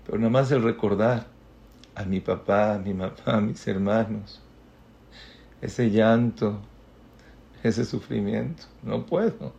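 A man's voice: medium pitch, steady tone, slow pace, dark tone, lo-fi sound, pitched above the performer's own voice. A man voicing a grateful young boy in a sermon story, speaking earnestly and choked with emotion. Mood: earnest, tearful.

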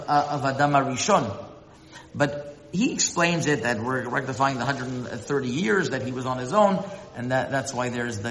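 A man giving a religious lecture as a Torah teacher, often halting and repeating words as he searches for them. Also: medium pitch, a bit bright, a little hiss or hum. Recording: echoey hall with long reverb.

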